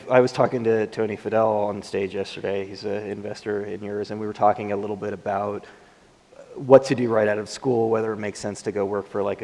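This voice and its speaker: A man interviewing a guest on a conference stage, chatty and joking with quick follow-up questions. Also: fairly low pitch, darkish tone. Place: conference stage in a large hall. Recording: reverberant conference hall.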